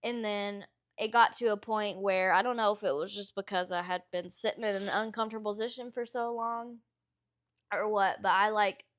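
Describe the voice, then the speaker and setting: A young woman in her twenties co-hosting a podcast. She talks loosely and candidly, rambling and filling gaps with fillers. Her voice sits at an everyday middle pitch. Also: fairly even intonation, normal speed, fairly bright tone. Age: young adult. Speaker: podcast co-host. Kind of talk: casual chat.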